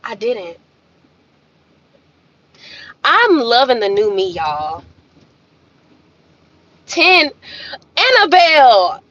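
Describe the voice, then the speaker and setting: A high-voiced woman hosts a livestream, telling a story with sass and calling her viewers y'all. Her pitch swings widely as she talks. The audio sounds a little dull and lo-fi. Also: very slow, long pauses, no echo. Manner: animated, sassy, addresses viewers as y'all. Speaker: livestream host. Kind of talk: casual storytelling chat.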